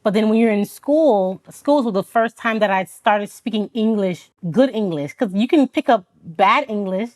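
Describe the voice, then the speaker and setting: This Army officer from Florida, a native Haitian Creole speaker, shares her personal story on a podcast with reflective earnestness, quoting dialogue and laughing frequently. Her mid-range voice is a little mellow, with lively intonation, a moderate pace and hardly any pauses.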